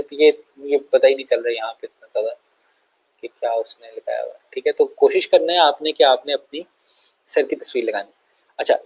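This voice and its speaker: A young man with a Pakistani Urdu accent walks through a tutorial on his screen. He talks in a relaxed, explanatory way, pausing on fillers and checking in often. His pitch sits in the middle range. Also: husky, rough recording. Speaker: online tutor. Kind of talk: screen-share tutorial lecture.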